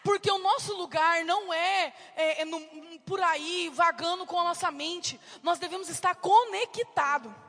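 A woman preacher delivers a fervent, emphatic sermon. Her voice is very high and bright, with a gravelly edge. She is heard through the long reverb of a church hall. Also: steady tone, measured pace, hardly any pauses. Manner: fervent, emphatic testimony with sudden shouts.

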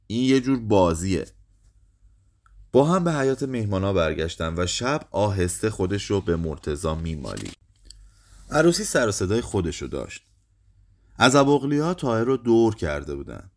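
A man reading a short story aloud, lively, raising his voice for the quoted lines. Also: fairly low pitch. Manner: lively, acts out quoted speech with raised voice.

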